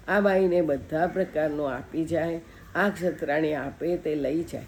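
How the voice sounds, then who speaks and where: Low, mellow-voiced woman reading a story. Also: a little hiss or hum. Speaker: devotional storyteller. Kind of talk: reading a devotional story aloud.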